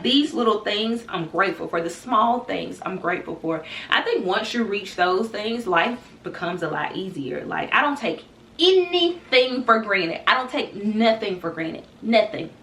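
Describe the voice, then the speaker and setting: A woman's voice: medium pitch, sharp tone, roomy sound, recorded from a distance, a little hiss or hum. A woman in her thirties talking candidly and casually to her viewers, calling them y'all. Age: 30s. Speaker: vlogger. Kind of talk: casual talk to camera.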